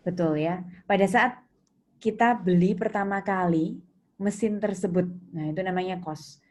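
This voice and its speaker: Speaking at normal speed in a medium-pitched, slightly mellow voice, a woman with an Indonesian accent teaches accounting. She walks through points didactically and asks students questions, with keyboard clicks and typing adding to the noise.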